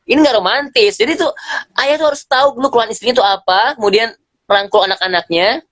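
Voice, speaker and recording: A man speaking as a guest on a live stream, telling lively stories in slangy casual talk and acting out bits of dialogue. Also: very high-pitched, quick pace, dry recording. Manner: animated storyteller, acts out dialogue, slangy. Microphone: phone on a live video stream.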